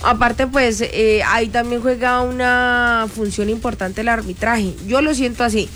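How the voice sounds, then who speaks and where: A woman's voice: on the high side, steady tone, unhurried, fairly bright tone, slight background noise. A woman co-hosting a sports radio show, chiming in with short opinions and reading event details. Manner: brief agreeing interjections, reads event details. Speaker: radio co-host. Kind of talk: casual sports debate.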